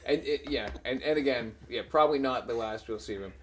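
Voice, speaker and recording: A man's voice: medium pitch, fast talker. A man hosting a casual movie review podcast, stammering and restarting, sounding exasperated. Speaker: podcast host.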